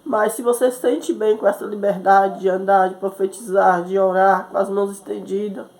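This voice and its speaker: A female missionary preacher turns her personal testimony into a sermon, quoting others by acting out their voices and repeatedly saying "né?". Her medium-pitched voice is level and darkish, delivered at normal speed.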